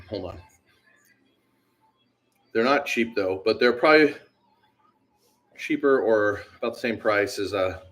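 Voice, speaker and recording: A man's voice: on the low side, fairly bright tone. A man who owns a bike shop, chatting casually with viewers on a livestream while he works, rambling and slangy with lots of fillers. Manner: laid-back, rambling, slangy with many fillers. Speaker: BMX shop owner hosting a livestream.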